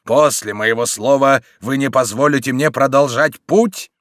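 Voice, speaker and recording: A man's voice: medium pitch, unhurried, no echo, studio quality, lightly acted. A man reading an audiobook who plays a proud old nobleman, speaking in a grave, haughty manner.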